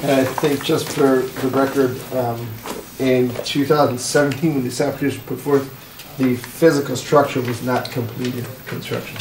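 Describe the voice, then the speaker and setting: A man chairs a public commission meeting, reading items in a measured, slightly halting way. He sounds well off the microphone in a boomy room, with clear noise underneath. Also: fairly even intonation. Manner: measured, reads the agenda, hesitant fillers. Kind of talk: formal meeting procedure. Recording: echoey room, distant mic, background noise.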